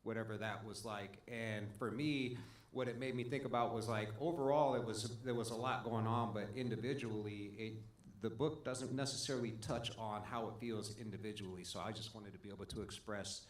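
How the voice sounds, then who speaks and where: A man's voice: fairly low pitch, steady tone, a little fast, hardly any pauses. A man musician introducing his song in casual, hesitant stage talk, searching for words, into a stage microphone at a live music event. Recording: echoey live room with guitar music.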